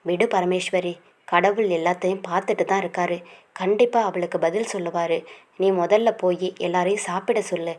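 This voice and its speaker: A woman voicing an older grandfather who comforts his wife firmly and briskly. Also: lowish voice, fairly even intonation, darkish tone, close to an everyday voice. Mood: consoling. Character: grandfather, steady and consoling.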